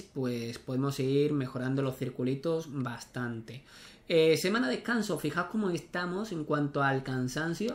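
A young man, chatting casually as he plays a tennis video game, thinking aloud and swearing at misses. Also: on the high side. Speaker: gaming streamer. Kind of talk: casual gameplay commentary.

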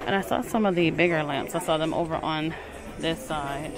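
This woman's low voice comes through at a moderate pace on poor audio, captured by a handheld phone as she vlogs her shopping trip through a large home goods store. Music plays behind her. She chats away about the items, reads prices out loud, and repeatedly calls things cute.

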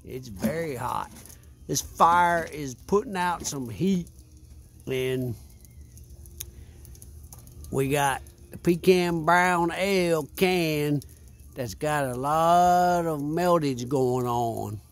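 Man, vlog host, rambling laid-back beer chat, unhurried. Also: fairly high pitch, slight background noise. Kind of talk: casual beer-review chat by a fire.

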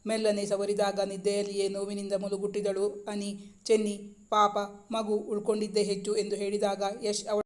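A woman reading a serialized romance story aloud for her channel, in a flat, even way. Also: medium pitch.

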